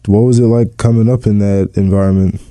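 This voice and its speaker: A man asks curious, laid-back questions, his voice very dark and mellow. The recording is dry and close, with no room sound. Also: fairly low pitch, steady tone, fairly quick, clear, resonant tone, no room sound. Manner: curious, casual questioning with slang. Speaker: interviewer. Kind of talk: casual interview.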